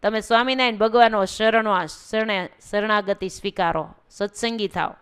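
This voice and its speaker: A woman voicing a kindly but firm old male holy man in a devotional story, speaking briskly and reassuringly. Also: medium pitch, steady tone, fairly bright tone, smooth, natural voice.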